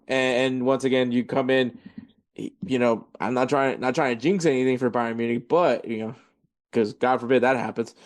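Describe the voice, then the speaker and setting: A man's voice: mid-range voice, a little mellow. A man hosting a casual football podcast, rambling and correcting himself as he reads through league standings. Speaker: podcast host.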